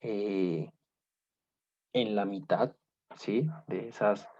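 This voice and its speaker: A man's voice: lowish voice, drawn-out words, dark tone. A man teaching a basic math class in patient steps, often checking in with his students. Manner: checks in often with "¿listo?" and "¿cierto?"; patient, step-by-step explaining. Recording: dull lo-fi class recording.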